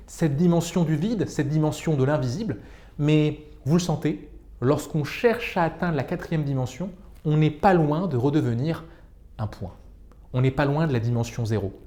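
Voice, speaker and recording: Expressive male speaking coach. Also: on the high side. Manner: expressive, demonstrates exercises with varied pace and volume. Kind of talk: video lesson.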